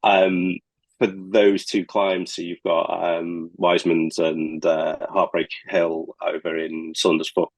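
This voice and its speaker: Deep husky man, easygoing coach. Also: slow, dry recording, rough recording. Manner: relaxed, storytelling. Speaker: triathlon coach, guest. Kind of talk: conversational advice.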